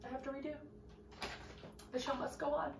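A woman's voice: high-pitched, steady tone, fairly quick, gravelly, recorded from a distance, noisy background. A woman vlogging at home, muttering to herself, swearing and joking in exasperation. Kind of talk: casual chatter to camera. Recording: roomy echo from off-mic.

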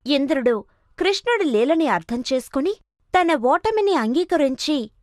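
A woman's voice: sits high, sing-song, normal speed, no echo, studio quality. A woman narrating a children's cartoon story with dramatic expression.

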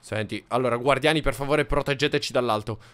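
A man's voice: mid-range voice, quick pace, fairly bright tone. A young man hosting a Minecraft roleplay video, dramatic and bossy as he leads his friend through the game. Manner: dramatic, bossy, playfully insulting. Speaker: gaming channel host. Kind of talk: excitable Minecraft roleplay commentary.

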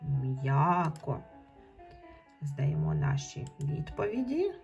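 Slow, lively-voiced woman teacher. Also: low voice, vocal fry, dull audio, soft background music. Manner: slowly sounds out single letters and sounds. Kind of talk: primary school language lesson.

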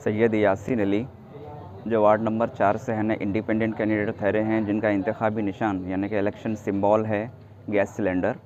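A man's voice: fairly low pitch, flat delivery, moderate pace, darkish tone. A man from the ward endorsing a local candidate and urging people to vote. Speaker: supporter of the candidate. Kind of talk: endorsement appeal. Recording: dull lo-fi recording.

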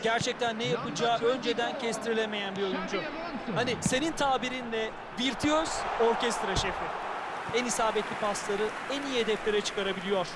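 Loud noise sits behind a male football analyst with a high-pitched voice. He co-commentates, passing opinionated judgement on the players and the run of play. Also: a little fast, a loud crowd.

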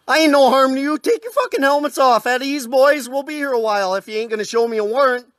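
A man's voice: extremely high pitch, animated, quick pace, fairly bright tone, no room sound, clean studio sound. A man in a standoff with police, arguing defiantly, interrupting and repeating himself on a phone live stream. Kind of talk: heated argument, live-streamed.

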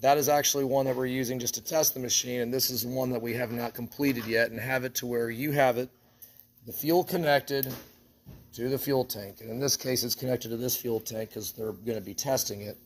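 A man's voice: medium pitch, fairly even intonation, a little fast, slight background noise. A man from an equipment shop explaining step by step how to build a trailer rig, talking practically while he handles the parts. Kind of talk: hands-on how-to walkthrough.

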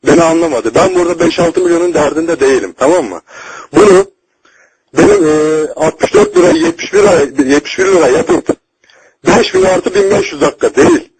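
Creaky, foul-mouthed man complaining over a landline. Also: fairly high pitch, big pitch swings, a little fast, darkish tone. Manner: foul-mouthed, confrontational, repetitive. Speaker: customer calling a phone company helpline. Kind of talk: heated complaint call. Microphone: telephone line. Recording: noisy landline phone call recording.

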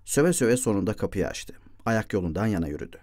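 A man's voice: fairly low pitch, expressive, fast, a little mellow, no room sound. Dry-voiced male audiobook narrator. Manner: reads dialogue in lightly shifted voices. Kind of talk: literary audiobook reading.

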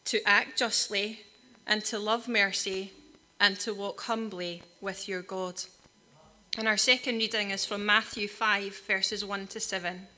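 A Scottish woman reading Bible passages aloud to a church congregation in a measured, careful way. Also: fairly high pitch, bright, forceful tone. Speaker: congregation member reading scripture.

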